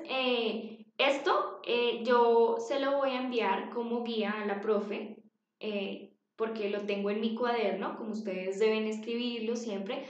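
A woman teaching an English lesson to young children, patient, repeating words for them to copy. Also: fairly high pitch. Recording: dull, echoey home recording.

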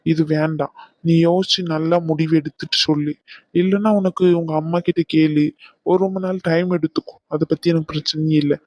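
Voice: medium pitch, steady tone, brisk, a little mellow, no room sound, lightly acted. Brief: voice actor as a short-fused young cartoon lover, blunt and heated, dry close sound. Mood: hurt, earnest. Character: young man, hot-tempered lover. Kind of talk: Tamil cartoon dubbing.

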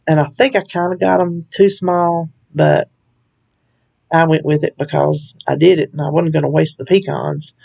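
A woman's voice: deep voice, vocal fry, a little mellow. A woman hosting a home cooking video, talking through a recipe in a chatty, folksy way with frequent laughs. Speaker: cooking channel host. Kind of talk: casual recipe walkthrough.

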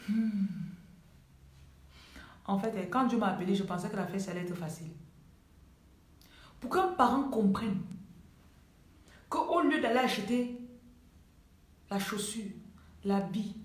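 A woman's voice: medium pitch, unhurried, pauses often. Emphatic Cameroonian woman coach, echoey room. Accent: Cameroonian French. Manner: emphatic, repeats key phrases for effect. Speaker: life coach. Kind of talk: live-streamed motivational talk. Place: at home.

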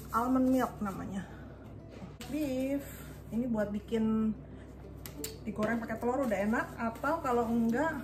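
Holding a phone camera at arm's length, a vlogger in her thirties unpacks groceries in her home kitchen and chats casually in a voice on the high side. She often searches for words and mixes in English terms. Loud music runs under her voice, along with crinkling bags.

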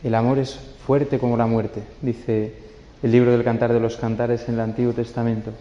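Man, priest, homily, relaxed mellow voice, chatty, echo of a large church. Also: medium pitch, moderate pace, muffled recording. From Spain. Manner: conversational, keeps adding a tag "eh?". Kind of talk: homily at a memorial mass. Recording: long church reverb.

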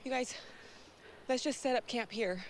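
An actress playing a practical young female hiker in a film, calm and decisive, talking outdoors in the woods. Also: a little high, moderate pace, a little hiss or hum, natural voice. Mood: firm. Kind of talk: film acting.

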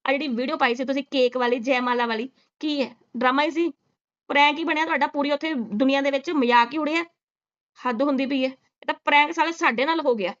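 A woman's voice: high-pitched, quick pace, a bit bright, muffled recording. A woman doing sarcastic reaction commentary, scolding and mocking with rhetorical questions. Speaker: reaction vlogger.

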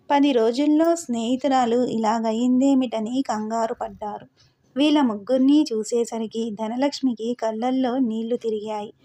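Calm, mellow woman narrating a novel. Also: fairly high pitch. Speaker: audiobook narrator.

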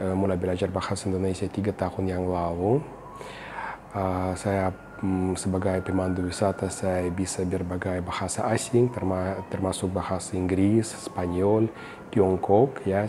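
A man in his thirties from Russia, a foreigner speaking Indonesian with a Russian accent, giving a casual explanation to camera in a halting, hesitant way full of fillers. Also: low-pitched. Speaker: vlogger. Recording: clearly noisy background, ambient sound.

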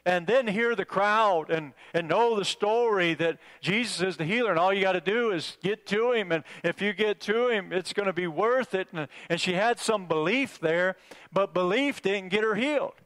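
A male pastor preaching a sermon, halting with many fillers and restarts, calling on members of the congregation by name and swinging between loud urging and low hushed passages.

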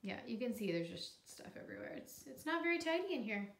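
A woman's voice: a little high, sing-song, quick pace, gravelly. Chatty young woman vlogging at home. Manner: chatty, upbeat, with fillers. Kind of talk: casual home vlog chat. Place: small home room, indoors. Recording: roomy home recording with soft background music.

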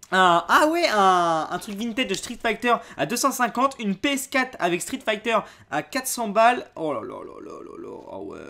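A young man with a high voice chats casually while unboxing a subscription box. He's excitable, quick to exclaim and laugh.

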